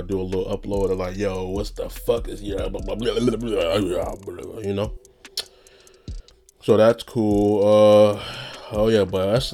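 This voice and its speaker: A man's voice: fairly low pitch, mellow. A young man talking in a loose, rambling, profane monologue, a little nasal, laughing often. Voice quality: slightly nasal. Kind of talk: casual monologue.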